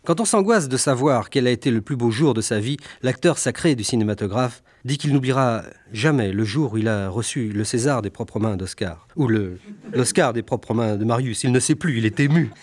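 A man's voice: mid-range voice, a little mellow, dry recording. Sardonic Frenchman delivering a dry satirical monologue. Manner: literary, mock-lyrical, sardonic. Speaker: humorist delivering a satirical chronicle.

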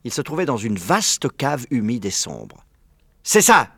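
A man narrating a children's story aloud in a clear, measured way. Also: medium pitch, big pitch swings, dry recording, studio quality. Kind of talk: audiobook narration.

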